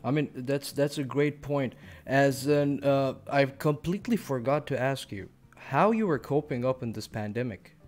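A man hosting a casual podcast interview. He asks his questions in a halting, hesitant way, stumbling and restarting and apologizing as he goes. Faint music sits behind his voice. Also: medium pitch, darkish tone. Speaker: podcast host.

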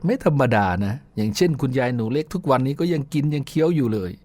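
A man's voice: mid-range voice, expressive, fast, dark tone, no room sound. A man hosting a radio show, telling folksy childhood stories in a chatty way and laughing often. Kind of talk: folksy storytelling. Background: faint music.

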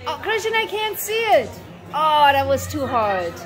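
Gushing high-voiced woman vlogging. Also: sing-song, moderate pace. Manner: gushing, enthusiastic. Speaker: vlogger and mother. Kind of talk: casual family vlog narration. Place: busy pub restaurant, indoors. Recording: crowd chatter in a busy pub.

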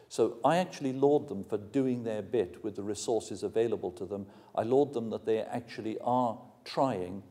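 A man in his sixties from Wales, working as a university lecturer, addresses a large, ornate indoor hall with a frank, plain-spoken public lecture before taking questions. His voice is lowish and mellow.

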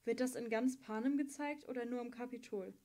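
Weakened teenage girl, wry and plain, read by a woman narrator; higher, mellow voice. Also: brisk, lightly acted. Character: weak, chained teenage girl singer, wry.

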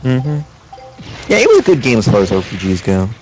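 A young man co-hosting a game livestream, chatty and opinionated, quick to laugh. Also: mid-range voice, huge pitch swings, a little mellow, soft background music, low-quality recording. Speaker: livestream co-host. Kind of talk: casual game stream commentary.

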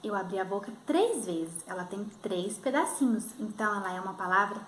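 Brief: female primary teacher, Minas Gerais accent, patient and slow for kids, roomy phone recording. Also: mid-range voice, animated, very noisy. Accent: Brazilian, Minas Gerais. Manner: slow, sounding out words for kids. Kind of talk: recorded video lesson for children.

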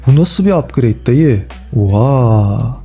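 A man commenting casually and excitedly on football game cards as a gaming video host, with slangy, chummy talk aimed at his viewers. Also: medium pitch, takes it slowly. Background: faint background music.

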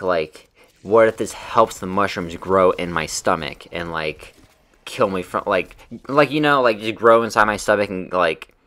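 Young man, low bright voice, rambling casual storyteller, lots of filler words and swearing.

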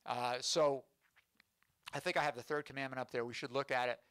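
A man's voice: medium pitch, fairly even intonation, a little fast, fairly bright tone, clear, resonant tone, dry recording. A man preaching as a rabbi, explaining scripture with rhetorical questions to his congregation. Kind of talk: sermon. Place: congregation sanctuary.

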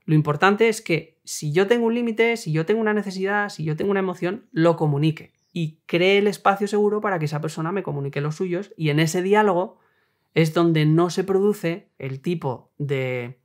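A young man talks through relationship advice in a calm, reasoned way. His voice sits somewhat high for a man. He lays each point out with everyday examples, like a host teaching his viewers. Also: moderate pace. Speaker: self-help video host. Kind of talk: explanatory talk on relationships.

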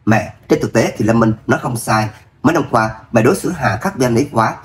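A man voicing a dutiful young wife who pleads softly with her mother, in an audio novel reading. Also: medium pitch, animated, quick pace, slight background noise, close to an everyday voice. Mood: pleading. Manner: soft pleading. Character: gentle dutiful young wife torn between family.

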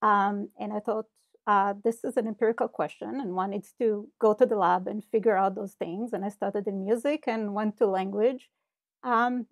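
A middle-aged Hebrew-speaking woman, a cognitive scientist guest in an interview, thoughtfully explains her research over a video call from a home office with bookshelves, using earbud headphones. Her mid-range voice has no echo, and her explanations are full of fillers.

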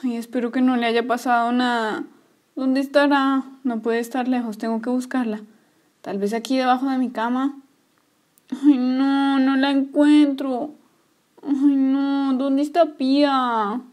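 A woman's voice: sits high, flat delivery, measured pace, a little mellow. A woman voicing Hanna, a fretful young girl searching for her lost rabbit in a toy story play. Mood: worried. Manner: fretful, sighing "ay, no".

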